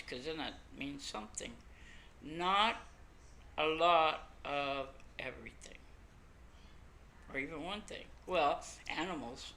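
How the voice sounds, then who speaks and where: An older woman chats casually in a folksy, rambling way. Her speech is toothless, with the lips folding over the gums, and it comes slowly in a bright, forward tone. It is a home recording with some background noise. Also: deep voice. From Canada. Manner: rambling, folksy, self-deprecating. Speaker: podcast host. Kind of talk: casual chat to camera. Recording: noisy amateur home computer recording.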